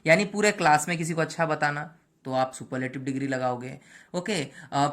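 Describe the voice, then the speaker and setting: A woman teaching English grammar, moving between Hindi and English, slowing down to spell out each English example and checking in with "right?" and "okay". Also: sits low, a bit bright. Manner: mixes Hindi and English, slow over English examples. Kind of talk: classroom lesson.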